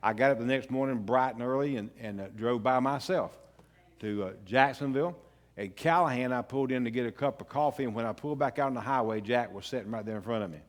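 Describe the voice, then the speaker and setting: An older man, a pastor telling a family story in a folksy, unhurried way with pauses and restarts. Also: mid-range voice. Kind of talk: storytelling sermon. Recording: long church hall reverb.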